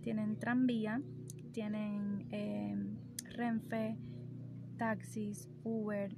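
This young Cuban woman talks casually to her phone camera, held at arm's length, with a Cuban Spanish accent and plenty of enthusiasm. She drags out her words with some vocal fry, her medium-pitched voice staying level. Music and outdoor street noise sit behind her as she stands by trees on a street.

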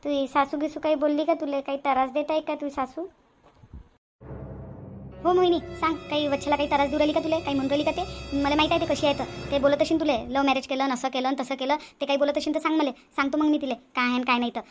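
A woman's voice: sits high, fairly even intonation, fast talker, faint music behind, close to an everyday voice. A woman with a Varhadi Marathi accent voicing a stern, protective village mother pressing her daughter with questions. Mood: worried questioning.

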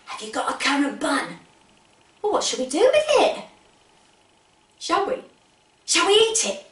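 A woman's voice: very high-pitched, wildly swooping pitch, a little slow, a bit bright. A woman, middle-aged, hosting a kids show in an exaggerated, playful manner, telling stories and singing along while speaking straight to young children. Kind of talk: kids show host storytelling and sing-along. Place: living room with wooden floor. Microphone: camera a few metres away. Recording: roomy, distant mic, music behind.

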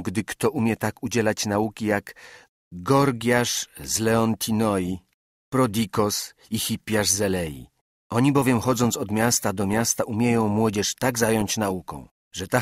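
A man reading an audiobook, delivering a classical speech in a measured, oratorical manner straight to his listeners. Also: lowish voice, slightly rough, no echo, studio quality. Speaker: audiobook reader. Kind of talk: scripted narration of a classical speech.

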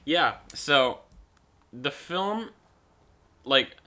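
Young male co-host, bright voice, sarcastic rambling movie recap. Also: on the high side, lively intonation, drawn-out words. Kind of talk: casual chat.

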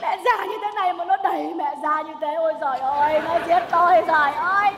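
A woman's voice: extremely high pitch, sing-song, brisk, a loud crowd, heavy background noise. A woman playing a domineering old mother-in-law in a stage comedy sketch, nagging, scolding and wailing. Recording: stage recording with long hall reverb.

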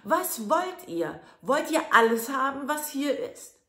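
A woman voicing a tiny, sly, mischievous boy in a storybook reading, in a high, loud, teasing voice. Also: animated, normal speed, close to an everyday voice. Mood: loud, mocking. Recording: echoey room.

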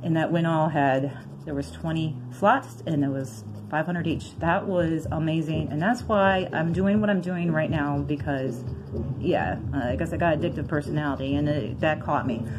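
A woman vlogging in a casual, chatty way, excitable and giggly, rambling and thinking aloud as she reads out numbers. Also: low voice, normal speed, noisy background. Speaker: vlogger scratching lottery tickets.

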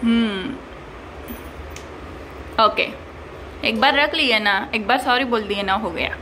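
A woman's voice: on the high side, slow. Young mother coaxing her toddler. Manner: coaxing and playful with her child, mixing Hindi and English. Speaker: vlogger and mother. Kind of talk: casual home vlog, talking to her toddler and viewers. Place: home kitchen. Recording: home video with clear background noise.

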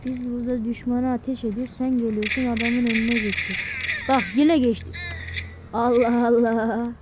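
A young man hosting a mobile gaming channel, giving excitable, casual commentary while he plays and talks to his viewers. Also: very high voice, fairly quick, background noise. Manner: excitable, keeps urging "vur vur" at enemies and talking to viewers. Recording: loud game sound effects behind the voice.

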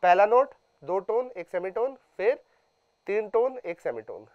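A man's voice: sits high, big pitch swings, unhurried, lo-fi sound. A man teaching a guitar class. He patiently goes over each point again and again and keeps checking in with his students. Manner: patient, drills points by repeating them. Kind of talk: music lesson. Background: faint guitar playing.

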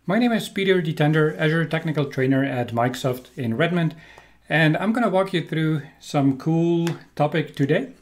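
Fairly high-pitched and moderately paced, this middle-aged trainer from Belgium delivers an enthusiastic recorded technical presentation in a Belgian accent. His upbeat manner is dotted with frequent um fillers.

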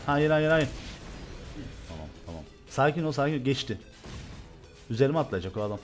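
A young man from Turkey commentating loudly and excitedly on his own gameplay, swearing and shouting at the game. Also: medium pitch, a little fast, music in the background. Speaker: gaming streamer.

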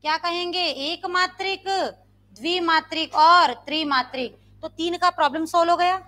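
High bright-voiced woman Sanskrit teacher. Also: steady tone, normal speed. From India. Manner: quizzing students with repeated questions, demonstrating loud and soft sounds. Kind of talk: live online grammar class.

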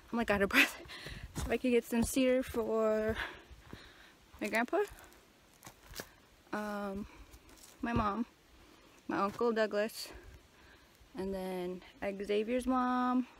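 A woman's voice: mid-range voice, a little hiss or hum. A young woman vlogging casually outdoors by a lake, chatting straight to her viewers on a handheld camera. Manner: chatty, addresses viewers directly.

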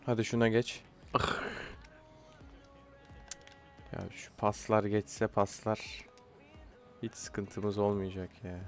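A young man talks over his own football video game match in a low voice. He mutters, then bursts out in frustration at his players. Faint music plays behind him. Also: level tone, measured pace. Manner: frustrated outbursts, swearing at players. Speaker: gaming YouTuber. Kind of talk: live gameplay commentary.

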